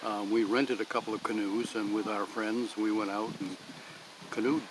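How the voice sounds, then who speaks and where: A man's voice: lowish voice, steady tone, moderate pace. An older man chatting casually in a homey, rambling way at a picnic table in a pine grove, recorded on a phone. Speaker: vlogger. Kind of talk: casual outdoor vlog. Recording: outdoor phone recording with clear background noise. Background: breeze, traffic and rustling leaves.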